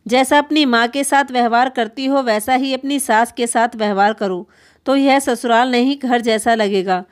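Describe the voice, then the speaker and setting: A woman's voice: on the high side, moderate pace, natural voice. Woman voicing a weary, resigned retired husband. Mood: stern. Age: older. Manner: resigned, reasoning, gently stern.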